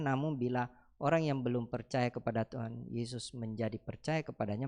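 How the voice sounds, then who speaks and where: A man leads a church teaching session and Q&A. He is lively and playful, laughing often and slipping into short acted-out exchanges. His voice sits at an ordinary middle pitch. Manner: lively, acts out mock dialogues, laughs often, teasing rhetorical questions.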